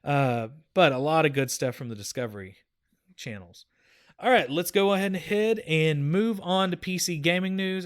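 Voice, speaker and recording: A man's voice: a little high, fairly bright tone. A man hosting a gaming podcast, talking in a rambling, chatty way with frequent fillers. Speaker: podcast host. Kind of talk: casual chat.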